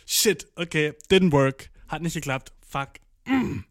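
A man's voice: a little high, expressive, takes it slowly, fairly bright tone, no room sound, clean studio sound. A young man telling a rambling comic story in a slangy, swearing manner, dropping English phrases and acting out quotes. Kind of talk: rambling comedic monologue.

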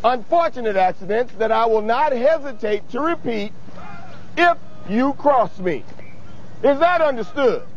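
A man's voice: very high-pitched, expressive, takes it slowly, muffled recording, slight background noise, exaggerated voice. A man playing a gung-ho, domineering military commander who threatens recruits and barks commands in a film. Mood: menacing, commanding. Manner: menacing, domineering, barking commands. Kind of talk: gung-ho soldier drill speech, film acting.

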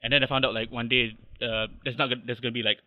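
A man's voice: medium pitch, little pitch movement, very fast, highs cut off. A man in his thirties with a Malaysian accent, a podcast guest talking in a hesitant, modest way with many fillers. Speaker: podcast guest, fan artist. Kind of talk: casual interview chat.

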